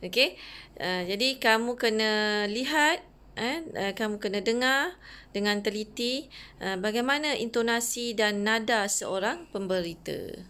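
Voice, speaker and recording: A woman teacher with a Malaysian accent giving a recorded lesson, explaining step by step and pausing often on hesitant fillers. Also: a little high, a bit bright, clear, resonant tone. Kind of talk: recorded online class lesson.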